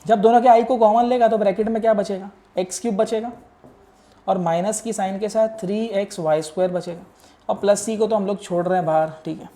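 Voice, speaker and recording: A man's voice: high-pitched, fairly even intonation, fairly quick, warm tone. A young man teaching engineering math in an exam-prep lecture, talking casually and coaxing his students along as he works each step aloud while writing. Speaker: math tutor.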